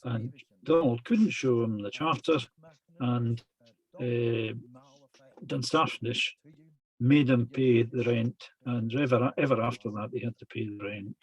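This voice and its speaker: A man giving a lecture that retells traditional tales, speaking in a halting, deliberate way. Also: mid-range voice, fairly even intonation, husky, low-quality recording.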